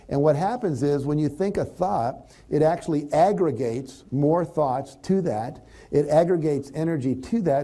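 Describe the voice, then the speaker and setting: A man's voice: fairly high pitch, dark tone. A man giving a conversational motivational talk to an audience, animatedly acting out example thoughts. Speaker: motivational speaker.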